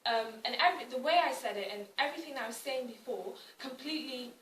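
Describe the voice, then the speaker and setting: Speaking fast in a high-sitting, fairly bright voice, a young British woman from Wales addresses an arts centre hall. A little hiss or hum sits on the distant, echoey recording. She's conversational and wry and keeps restarting her sentences.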